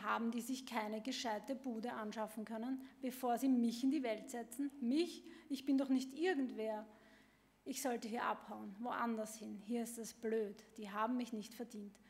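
A woman's voice: a little high, a little mellow, lightly acted. A woman voicing a hungry, demanding, sulky female baby bird, complaining over and over, at a public literary reading. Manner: whiny, repeated complaining. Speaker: author reading her own text. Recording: long hall reverb.

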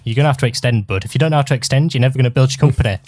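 A man's voice: medium pitch, rapid-fire, a little mellow. A young man with a teasing, joking manner, co-hosting a casual gaming session. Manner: teasing, joking, mock exasperated. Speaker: Let's Play co-host.

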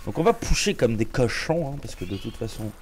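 A man giving casual live commentary on his own gameplay, joking and chatty, with a slightly sore throat that makes him clear it now and then. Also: mid-range voice, sing-song, fairly quick, faint music behind. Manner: joking, chatty, many restarts and fillers. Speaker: game streamer.

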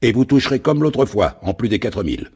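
A man's voice: fairly low pitch, big pitch swings, fairly quick, a little mellow, breathy edge, voice pushed up, exaggerated voice. A man voicing a scheming, greedy shipowner with a metallic, mocking voice. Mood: gloating. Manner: mocking, gloating. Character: greedy scheming middle-aged male shipowner.

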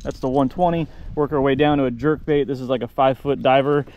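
Out on a kayak on open water, an American fishing vlogger in his thirties chats to an action camera held close by, with laid-back bro slang and some swearing. His mid-range voice is quick, a little mellow and fairly even in intonation. The audio is dull, with wind and boat noise around him.

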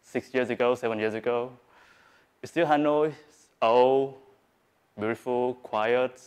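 A man speaks English at a live presentation. He hesitates a lot, filling gaps with "uh" and "um" and restarting phrases. His voice sits in an ordinary middle pitch. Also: steady tone, unhurried, clean tone. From Vietnam. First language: Vietnamese. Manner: hesitant, many fillers and restarts. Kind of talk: live talk on stage. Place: event hall with audience.

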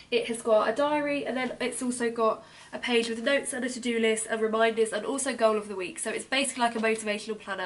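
A young British woman blogger, chatty and enthusiastic, with a voice a little hoarse from losing it. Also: fairly high pitch, fairly bright tone. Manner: chatty, enthusiastic product talk with many ums. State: losing her voice. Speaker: beauty blogger. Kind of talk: casual gift-guide vlog.

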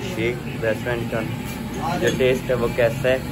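A man's voice: mid-range voice, flat delivery, moderate pace. A man from Pakistan narrating a food vlog, speaking directly to his viewers and promoting the restaurant. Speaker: food vlogger. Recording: loud background noise.

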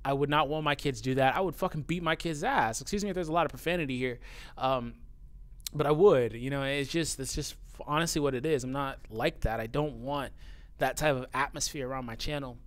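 A man with a medium-pitched, fairly bright voice talks fairly quickly to camera, reading his viewers' comments. He is casual and blunt, heavy on swearing, and gets heated; he says his voice sounds young.

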